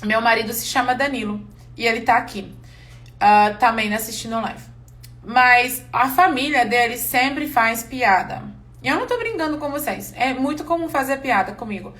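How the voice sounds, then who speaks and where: High-voiced chatty woman teaching English. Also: normal speed. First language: not Portuguese. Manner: chatty, candid, expressive. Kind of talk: live online class.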